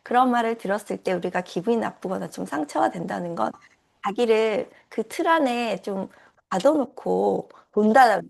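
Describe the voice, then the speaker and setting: A woman coach giving a gentle, reassuring talk in a casual style. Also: medium pitch, lively intonation, moderate pace, gravelly.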